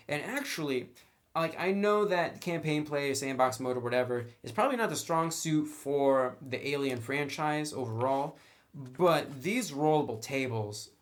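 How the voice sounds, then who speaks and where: A man with a mid-range voice reviews tabletop games, offering casual, opinionated takes in an informal, conversational way.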